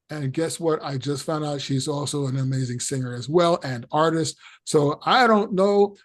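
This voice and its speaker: Male podcast host, slightly high-pitched, effusive, stumbles and repeats words mid-sentence. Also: darkish tone. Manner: effusive, repeats words while searching for them. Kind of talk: podcast interview.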